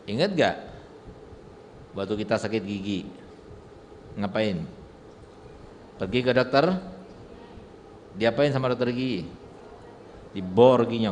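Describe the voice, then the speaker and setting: A male Islamic preacher giving a humorous sermon with storytelling, full of rhetorical questions to his audience. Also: mid-range voice. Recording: reverberant hall with faint noise.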